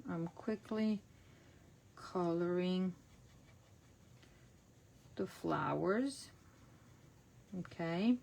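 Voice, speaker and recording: The recording is rough, and the middle-aged Italian woman's voice sounds fairly low, darkish and creaky as she speaks extremely slowly with frequent pauses. With her Italian accent, she chats through a casual online stamping and card-making class, narrating each step and correcting herself as she demonstrates.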